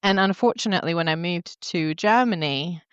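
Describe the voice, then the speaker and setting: A woman's voice: fairly low pitch, moderate pace, a bit bright, clean tone, dry recording, muffled recording. A woman in her thirties, born in Poland and raised in England, answering interview questions as a guest in an open, reflective way. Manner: reflective, open storytelling with small laughs. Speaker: guest, yoga teacher and wellness coach. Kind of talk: interview answers, personal story.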